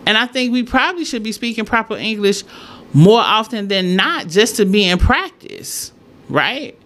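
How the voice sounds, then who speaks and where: A woman's voice: medium pitch, expressive, normal speed, a bit bright. A woman chatting casually to followers as a host, thinking aloud and repeating her points for emphasis. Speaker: solo host. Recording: clear background noise, room ambience.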